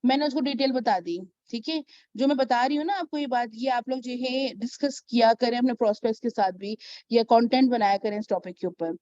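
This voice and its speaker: A woman with a fairly high, warm and mellow voice talks through a casual advice vlog, telling stories to her followers. She keeps checking in with the listener and acts out the people in her stories. The sound is dry and a little dull, like a lo-fi home recording. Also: a little fast, dry recording. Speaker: network marketing mentor.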